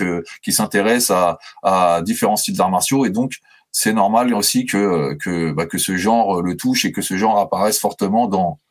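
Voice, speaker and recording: A man with a fairly low voice co-hosts a film podcast. He talks haltingly, with many fillers and restarts. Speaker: podcast co-host.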